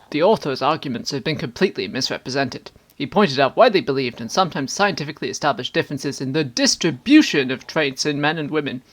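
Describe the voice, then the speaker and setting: A performer reading online comments aloud in a measured, mock-serious way. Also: medium pitch.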